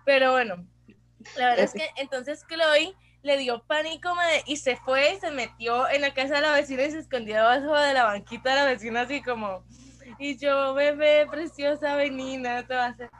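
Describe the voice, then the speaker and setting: Chatty Costa Rican woman storyteller, high voice. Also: moderate pace, fairly bright tone. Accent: Costa Rican Spanish. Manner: chatty storyteller mixing in English phrases and slang. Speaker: podcast co-host. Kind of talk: casual chat.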